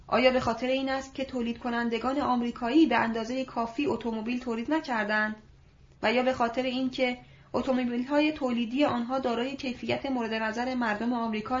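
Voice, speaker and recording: Calm, assured older male manager, read by a woman with a fairly high voice; dull lo-fi audiobook sound. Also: close to an everyday voice. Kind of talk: audiobook reading. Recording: dull lo-fi recording.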